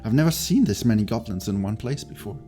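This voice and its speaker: A man's voice: on the low side, expressive, fast talker, mellow, soft background music, lightly acted. A man voicing a hesitant, reassuring young village lady in a tabletop fantasy game. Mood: reassuring, surprised. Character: surprised young village lady who knows the forest.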